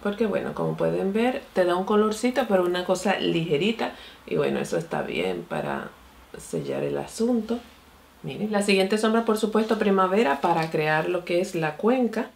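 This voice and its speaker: A young beauty vlogger chats excitedly as she tries out new makeup at her vanity. Her voice sits on the low side and is gravelly with vocal fry. She keeps calling out to her viewers as she talks. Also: normal speed. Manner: chatty and excitable, often says "mi amor" and "señores". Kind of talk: casual makeup review and tutorial.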